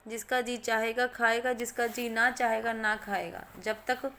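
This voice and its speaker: A woman's voice: on the high side, steady tone, measured pace, fairly bright tone, a little hiss or hum. A woman reading as a weary middle-aged village aunt. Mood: resigned.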